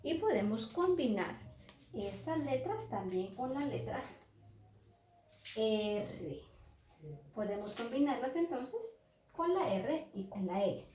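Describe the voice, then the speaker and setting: A woman teacher giving a children's phonics lesson at a whiteboard, slowly sounding out letters and words. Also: on the high side, very animated, a little mellow. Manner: slow, drawn-out sounding out of letters. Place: classroom with whiteboard. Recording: echoey room.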